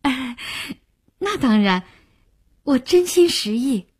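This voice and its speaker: An eager young journalist, voiced by a woman reader, polite but pushing for help. The voice is higher and breathy, bouncing lively up and down in an audiobook reading. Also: slow, exaggerated voice. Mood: cheerful.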